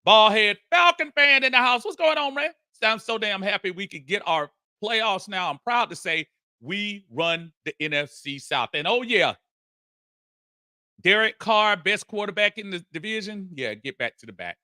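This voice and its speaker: A man hosting a live sports talk stream, energetic and folksy, greeting viewers by name and reading their comments. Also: high-pitched, normal speed, no echo, clean studio sound. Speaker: sports talk show host.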